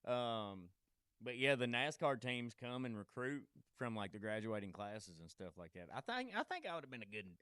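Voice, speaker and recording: A man's voice: mid-range voice, big pitch swings, moderate pace, a bit bright, clean tone, no room sound, studio quality. A man hosting a podcast, talking in a rambling way and laughing easily. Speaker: podcast host. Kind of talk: casual chat. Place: podcast studio.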